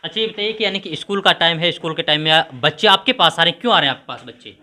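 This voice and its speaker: A man's voice: fairly high pitch, animated, very fast, sharp tone. A man with a Haryanvi Hindi accent reporting on location at a village school, questioning people and addressing viewers directly. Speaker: field reporter. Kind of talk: on-the-spot news reporting.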